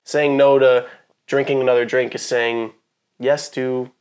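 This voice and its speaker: A man's voice: medium pitch, little pitch movement, a little slow, a little mellow. A man co-hosting a podcast in casual chat, teasing and playful. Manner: teasing and playful, easy laughter. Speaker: podcast co-host.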